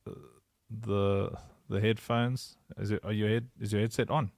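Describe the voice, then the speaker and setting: Playful man with a gravelly voice. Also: on the low side, flat delivery, unhurried, darkish tone, dry recording, studio quality. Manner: playful, sing-song, laughs often. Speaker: livestream host. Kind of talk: casual livestream chat.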